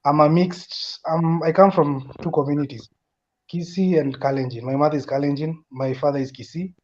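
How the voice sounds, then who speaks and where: A young Kenyan man with a Kenyan accent calls into a casual opinion chat, arguing earnestly and often repeating and restarting his sentences as he builds his case. His voice is a little high and darkish in tone, with fairly even intonation and a moderate pace. The audio is dull and lo-fi.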